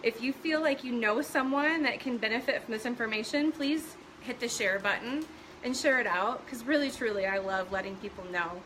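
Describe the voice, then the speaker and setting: Bright chatty woman streaming from home. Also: fairly high pitch, normal speed, slight background noise, poor audio. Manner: chatty, greets viewers by name, many fillers. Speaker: live stream host. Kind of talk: casual live-stream explainer.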